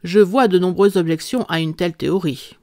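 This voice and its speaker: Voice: medium pitch, brisk, warm tone, no room sound, studio quality, natural voice. A reader voicing a puzzled male companion who raises doubts in an audiobook. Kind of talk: audiobook character reading.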